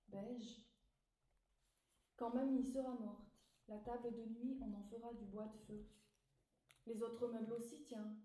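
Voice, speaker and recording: A woman comedian telling a deliberately garbled fairy tale and a comic monologue in a deadpan way. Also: a little high. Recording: echoey stage from a distance.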